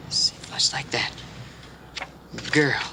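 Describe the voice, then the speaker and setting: An actor playing a patient young cowboy who teaches a deaf girl sign language, speaking gently and coaxingly in a 1960s TV western. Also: on the high side, lively intonation, noisy background, lightly acted. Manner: gentle, coaxing, repeats words slowly.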